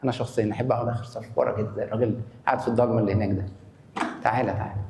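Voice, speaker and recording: A man's voice: lowish voice, fairly even intonation, rapid-fire, mellow. A man with an Egyptian Arabic accent giving a conference talk. He asks the audience questions and answers them himself. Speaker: lecturer. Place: conference hall. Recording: echoey hall, faint noise.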